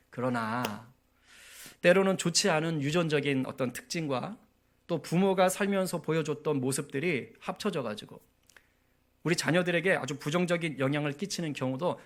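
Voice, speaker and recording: A man preaching a sermon as pastor at a church prayer meeting, telling stories and often checking in with the congregation. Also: a little high. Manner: storytelling, often asks the congregation for agreement.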